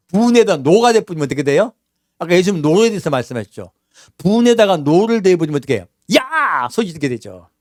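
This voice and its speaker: A man's voice: high voice, sing-song, a little fast, warm tone, no room sound, studio quality. A man preaching a sermon in a church, talking to the congregation conversationally with many rhetorical questions. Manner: acts out everyday quotes in character voices. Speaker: pastor.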